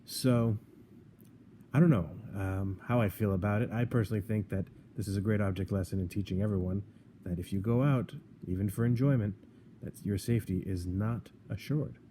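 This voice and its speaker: A man's voice: on the low side, fairly even intonation, moderate pace, background noise. A man co-hosting a podcast, talking in an opinionated, argumentative way with a sarcastic edge and frequent restarts. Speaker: podcast co-host. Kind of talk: opinionated casual chat.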